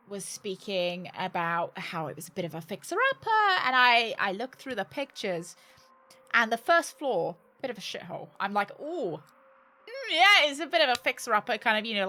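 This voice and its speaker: This British game streamer chats casually while she plays, joking around with sarcastic asides and the occasional swear word. Her voice sits on the high side with a sharp tone.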